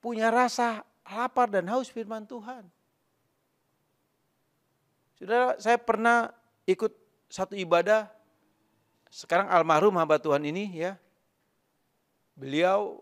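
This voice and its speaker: A man's voice: sits high, fairly bright tone. A male pastor preaching a sermon, emphatic and repetitive, often turning to address the congregation directly.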